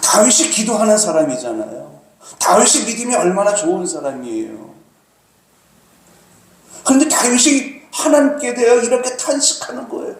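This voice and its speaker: A man preaching a sermon as pastor, earnest, with dramatic pauses and slow emphasis. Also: sits high, big pitch swings. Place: church sanctuary. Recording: very echoey church hall, faint noise.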